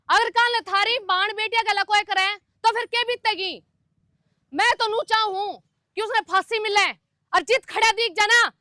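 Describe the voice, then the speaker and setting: A woman acting as an outspoken young woman demanding justice, speaking forcefully with a Haryanvi accent. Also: very high voice, dry recording, clean studio sound. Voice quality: forceful, indignant. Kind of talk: Haryanvi family drama acting.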